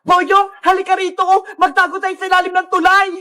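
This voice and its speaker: A woman voicing excitable young cartoon characters running from a villain, shouting and calling out to each other. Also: a little fast. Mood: excited. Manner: excited, shouting, high-energy. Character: frightened little girl Princess and her friends. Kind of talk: children's cartoon voice acting.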